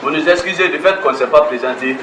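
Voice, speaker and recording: A man playing a calm neighborhood elder who mediates, speaking in a polite, formal way. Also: a little high, fast talker, noisy background, natural voice. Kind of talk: amateur film acting. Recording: roomy, distant, with music.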